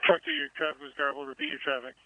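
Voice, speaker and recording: A man's voice: fairly high pitch, wildly swooping pitch, rapid-fire, gravelly, pushed and bright, poor audio. A man working as a fire dispatcher, formally reading back radio traffic in clipped phrases.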